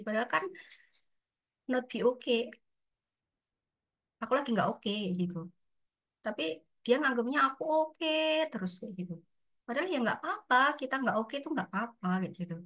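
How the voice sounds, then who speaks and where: A woman's voice: on the high side, animated, fairly quick, long pauses, fairly bright tone. A woman leading an online training session in a chatty way, often addressing her audience and acting out inner voices.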